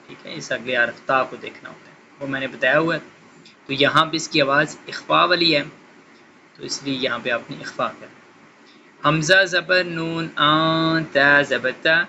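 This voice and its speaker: A man teaching Quran recitation to beginners, patiently explaining rules and slowly spelling out letters syllable by syllable. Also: on the high side, pushed and bright, lo-fi sound, slight background noise. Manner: slow drawn-out syllables when spelling letters.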